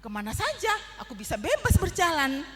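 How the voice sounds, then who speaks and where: A woman voicing a boastful little ant in a children's Bible story, with big swooping pitch leaps. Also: sing-song, moderate pace, big-room sound. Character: boastful little ant, later scared and sorry.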